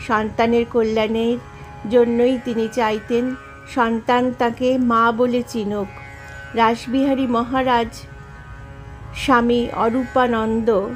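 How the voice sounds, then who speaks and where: A woman reads a devotional book aloud in a slow, careful storytelling voice. Her tone is slightly high and reverent. Soft devotional music plays faintly behind her.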